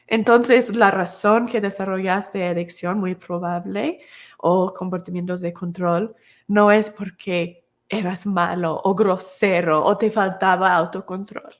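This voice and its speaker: A woman's voice: medium pitch, fairly even intonation, unhurried. A woman teaching an online course in a conversational way, acting out little dialogues and answering viewers' comments. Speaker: course instructor.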